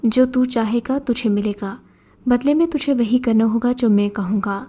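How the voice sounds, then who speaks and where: A woman's voice: fairly high pitch, warm tone, natural voice. A woman voicing a mocking old male jinn disguised as a beggar, speaking in a scornful, commanding way.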